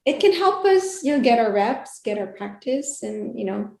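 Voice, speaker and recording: A woman with a fairly high voice talks casually as a guest in an interview. She is chatty and giggly, leaning on "like" and "you know". The sound is noticeably echoey and roomy. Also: big pitch swings, normal speed, vocal fry, a little mellow. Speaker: guest, wrestling ring announcer and reporter.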